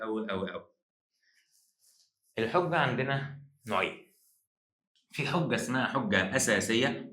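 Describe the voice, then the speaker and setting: Fast-talking Egyptian man teaching, echoey room. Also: mid-range voice, a bit bright. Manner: playful, teasing, rapid colloquial banter. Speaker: Arabic teacher. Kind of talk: joking exam-prep lesson.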